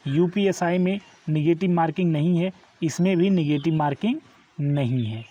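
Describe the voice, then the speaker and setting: A man teaches an informal online exam lesson step by step, repeatedly using tag questions to check that listeners follow. He's an exam coaching teacher with a fairly high, dark-toned voice at a moderate pace, and the audio sounds dull.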